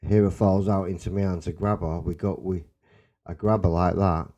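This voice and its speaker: A young man with a Salford accent telling a personal story in a rambling, excitable way, swearing and restarting often. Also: low voice, moderate pace, lo-fi sound. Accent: Salford English. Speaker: storyteller guest.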